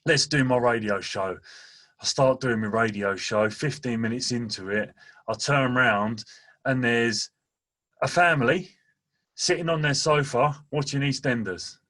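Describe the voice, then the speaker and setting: A man's voice: mid-range voice, a little slow, a bit bright. A man with an ordinary mid-range voice shares jokey anecdotes in a casual chat. He slips into mock-polite voices whenever he quotes himself. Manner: jokey, acts out his own lines in a put-on polite voice. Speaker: podcast speaker, DJ.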